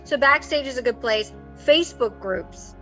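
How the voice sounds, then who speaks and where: Bright-voiced woman coaching on a video call. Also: sits high, moderate pace, lo-fi sound, faint music behind. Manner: animated and chatty, with frequent fillers. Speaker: acting coach hosting a video-call meet and greet. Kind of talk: casual advice chat. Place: home, with construction noise outside.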